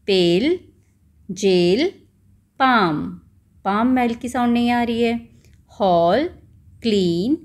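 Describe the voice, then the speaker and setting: A woman teacher, reading English textbook lines slowly and explaining them to children. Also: fairly high pitch.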